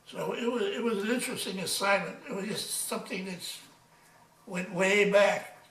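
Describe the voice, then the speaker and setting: An elderly man in his nineties with a high, bright voice reminisces as an old veteran remembering. He speaks haltingly, circling back over his words. The recording is echoey and distant from the microphone. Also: steady tone. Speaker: retired army major, war veteran. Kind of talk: reminiscing in a casual interview.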